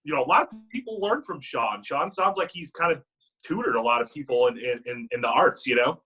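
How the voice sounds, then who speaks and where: A man talking casually as an interviewer in a relaxed, informal chat. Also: mid-range voice, brisk, slightly rough.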